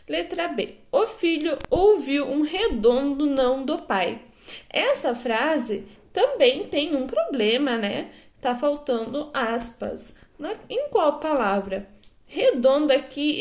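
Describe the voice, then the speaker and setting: A woman's voice: high voice, darkish tone, reverberant. A Brazilian woman teacher with a patient manner, explaining homework exercises and often adding tag questions. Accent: Brazilian Portuguese.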